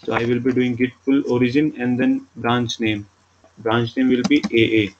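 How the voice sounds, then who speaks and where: Indian guy explaining a coding tutorial step by step, pretty monotone, muffled mic w/ faint noise. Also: medium pitch, moderate pace. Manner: repetitive, simple step-by-step explaining. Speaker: programming instructor. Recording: dull lo-fi mic with background noise.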